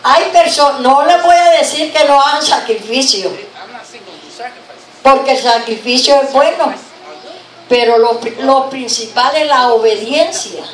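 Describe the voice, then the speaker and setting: A woman's voice: high-pitched, a little slow. A middle-aged woman preaching from a pulpit with a handheld mic, earnest and breaking into praise between points. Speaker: guest preacher. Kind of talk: sermon. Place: church sanctuary, at a pulpit. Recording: roomy church sound from a distant camera.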